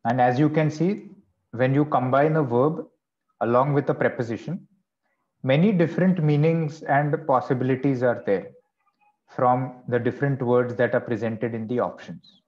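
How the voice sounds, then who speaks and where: A man's voice: mid-range voice, a little mellow. Man teaching an online class, lo-fi sound. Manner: explains slowly, checks in with "okay" and "right". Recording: dull lo-fi online class audio.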